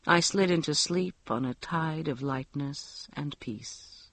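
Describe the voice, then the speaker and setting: Brief: male audiobook narrator, high voice, expressive first-person reading, dry studio sound. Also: slow, no echo.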